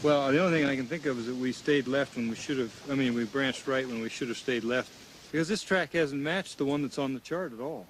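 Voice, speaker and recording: A man talking casually and unscripted in the field, a bit halting as he thinks aloud. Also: mid-range voice, slight background noise.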